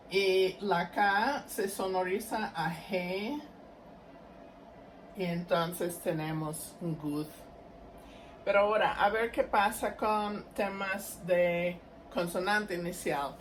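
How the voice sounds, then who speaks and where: Slow-speaking woman lecturing, distant mic. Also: medium pitch. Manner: patient, explanatory, checks in with "¿sí?" and "¿no?". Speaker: linguistics lecturer. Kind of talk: academic lecture. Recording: distant mic with faint noise.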